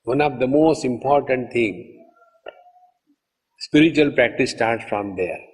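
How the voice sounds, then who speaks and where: A man's voice: mid-range voice, takes it slowly, slightly rough. A man, a spiritual teacher giving a discourse, telling anecdotes and acting out the people in them. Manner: animated storytelling, acts out quotes. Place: lecture hall. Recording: echoey hall recording.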